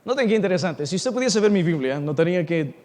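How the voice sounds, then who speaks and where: High-voiced preacher in a reverberant hall. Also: male voice, fast talker. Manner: animated storytelling, acting out dialogue and addressing listeners directly. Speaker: pastor. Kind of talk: sermon.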